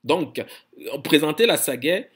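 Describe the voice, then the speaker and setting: This man's voice runs on the high side, a bit bright and slightly rough, and he lectures in an animated yet firm, insistent way. Searching for phrasing, he repeats words often, and he slows down to spell out foreign terms for a scholarly audience.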